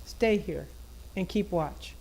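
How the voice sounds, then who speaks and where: A woman's voice: lowish voice, slow pace, vocal fry, warm tone, breathy edge, rough recording. A woman reading a gospel passage formally as a church reader. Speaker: scripture reader at a Good Friday service.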